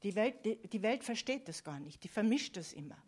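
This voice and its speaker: A woman's voice: mid-range voice, lively intonation, a little fast, a little mellow, husky. A woman preaching a sermon earnestly, often checking in with her listeners. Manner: earnest, with frequent "ja?" and "Amen" asides to listeners.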